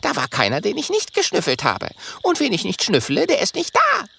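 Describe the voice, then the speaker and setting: Super high squeaky little dragon for a kids audiobook, all boastful and jittery, voice swoops everywhere, gravelly edge. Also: male voice, wildly swooping pitch, brisk, bright, forceful tone, heavily acted. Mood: insistent. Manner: stammering, squeaky, self-important. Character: tiny boastful jittery male burrowing dragon.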